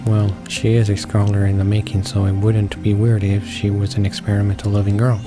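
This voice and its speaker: A gamer with a low voice reads a visual novel aloud, briskly and very monotone. He halts and stumbles over words as game music plays in the background.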